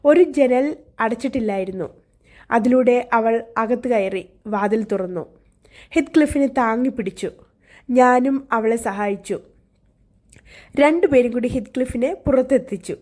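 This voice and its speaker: A woman reads a novel aloud in the first person, keeping a steady, measured pace of storytelling. Her voice sits fairly high but sounds mellow and warm, never sharp. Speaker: audiobook narrator. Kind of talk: storybook narration.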